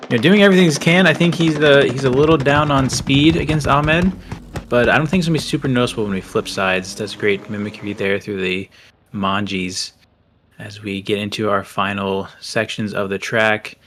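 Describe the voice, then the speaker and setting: A man commentating a drift racing event, excitable and chatty, a little out of breath. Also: lowish voice, normal speed, background noise. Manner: excitable, chatty, laughs easily.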